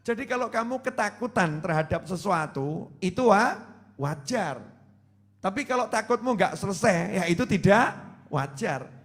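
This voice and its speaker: A man's voice: sits high, lively intonation, normal speed. A man giving a storytelling sermon, asking his audience questions and acting out quoted voices. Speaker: preacher.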